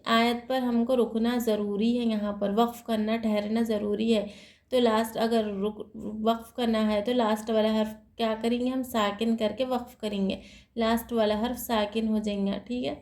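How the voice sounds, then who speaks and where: A woman's voice: fairly high pitch, level tone, normal speed, darkish tone, echoey room. A woman teaching Quran reading rules in an online lesson, explaining patiently, repeating each rule and asking and answering her own questions.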